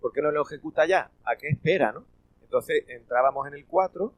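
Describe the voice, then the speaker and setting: A man teaching a church Bible study. He reads scripture slowly and keeps checking in with his listeners. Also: fairly high pitch, no room sound, poor audio.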